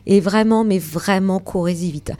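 A woman hosting a casual radio chat, calmly reading out a film recommendation with a little irony. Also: medium pitch, moderate pace. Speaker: radio show host.

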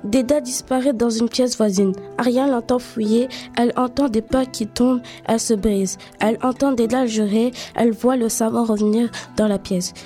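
Gentle woman reading a storybook. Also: on the high side, steady tone, moderate pace, few pauses, faint music behind. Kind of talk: scripted storybook narration.

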